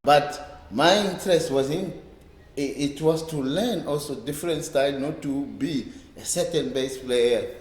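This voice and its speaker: This interview guest, a reggae bass player in his fifties from a Cape Town township in South Africa, has a voice on the high side. In a casual oral-history interview in a library room with echoey sound, he reminisces haltingly and at length, repeating words.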